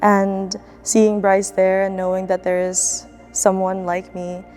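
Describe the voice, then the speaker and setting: A woman's voice: mid-range voice, completely flat delivery, slow, a little mellow, soft background music. A young woman student athlete from the Philippines, speaking in a casual, reflective documentary interview with fillers and restarts. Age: young adult.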